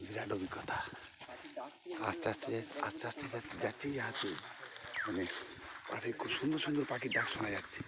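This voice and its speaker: A man's voice: on the low side, a little fast, pauses often, a loud crowd. A man narrating a travel vlog while walking through a forest, keeping his voice down so the birds stay. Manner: talks softly so as not to scare birds. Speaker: travel vlogger. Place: outdoors in a forest on a hill trek. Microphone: camera mic while walking. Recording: loud outdoor background noise.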